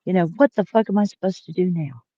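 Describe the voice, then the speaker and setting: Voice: mid-range voice, fast, dark tone, dry recording. A person in their sixties calling into a casual panel, venting with frustration and a lot of swearing. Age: 60s. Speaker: panel caller. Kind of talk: casual chat. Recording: dry, muffled lo-fi line.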